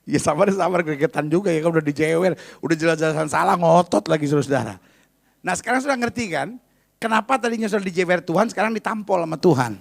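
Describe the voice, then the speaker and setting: Gravelly-voiced male pastor preaching. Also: a little high, fast talker. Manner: conversational, humorous, emphatic. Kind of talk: sermon.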